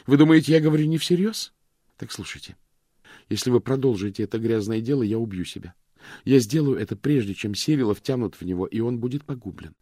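A man's voice: mid-range voice, lively intonation, fairly quick, dark tone, no room sound, voice pushed up. A male reader voicing a desperate young woman who pleads breathlessly in a dry, close recording.

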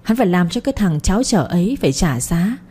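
Woman, audiobook narration, steady, husky. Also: on the low side, fast talker. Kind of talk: scripted story narration.

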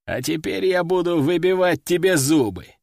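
A brutal squad commander who mocks his captive and threatens him with open contempt, as a man reads him aloud. The voice swings widely in pitch and sits dry and close to the mic. It is an audiobook character voice with a sneering edge. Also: expressive, moderate pace, vocal fry, darkish tone, dry recording. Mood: mocking. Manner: sneering, menacing.

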